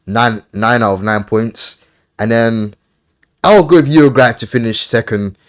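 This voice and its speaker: A man hosting a casual football podcast, briskly running through lists and giving offhand opinions. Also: mid-range voice. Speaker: podcast host.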